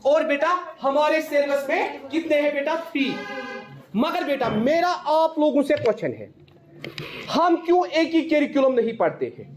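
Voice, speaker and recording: Male teacher, high voice, lecturing students, repeats points as questions, roomy classroom echo. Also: big pitch swings, normal speed, background noise. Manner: mixes Hindi with English terms. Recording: echoey classroom.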